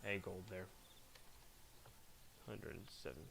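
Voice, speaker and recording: A man's voice: deep voice, slow, vocal fry, noisy background. A man giving casual commentary as he hosts his own video game challenge run. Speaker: gamer, challenge-run host.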